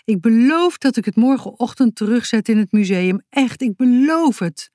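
A woman's voice: medium pitch, animated, a little slow, warm tone, no echo, studio quality, lightly acted. Woman voicing a pleading, solemn mother. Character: pleading, protective middle-aged mother.

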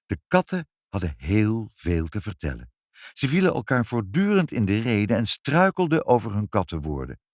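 A man's voice: fairly low pitch, moderate pace, no room sound, studio quality. Man die levendig een kinderverhaal voorleest. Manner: expressive, animated storytelling. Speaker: storyteller. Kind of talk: children's story reading.

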